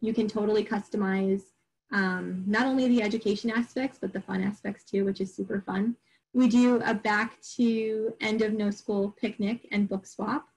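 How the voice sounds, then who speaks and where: Speaking to parents in a casual, chatty way, a middle-aged woman from Long Island, New York, presents for a homeschool group, often using fillers and restarting her sentences. Her medium-pitched voice is a little mellow, slightly rough and fairly even, at a moderate pace. The online program's audio is poor.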